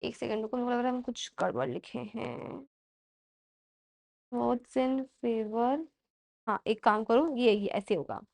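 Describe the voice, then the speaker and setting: Teaching a class in Hindi mixed with English terms, a young woman speaks with a fairly high pitch and some vocal fry. Her classroom lecture moves slowly as she dictates, repeats herself, and checks on her students' understanding.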